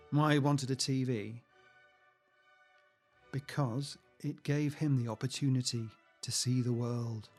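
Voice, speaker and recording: A man with a medium-pitched voice, vocal fry and a breathy edge is an actor in a naturalistic audio drama. He plays a cheerful, talkative middle-aged British husband and proud grandfather who chats in a reflective, sentimental, speech-making way.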